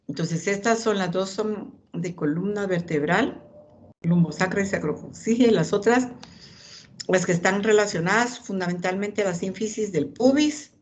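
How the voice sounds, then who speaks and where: A woman lecturing anatomy, pointing out images and calling on students by name. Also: medium pitch.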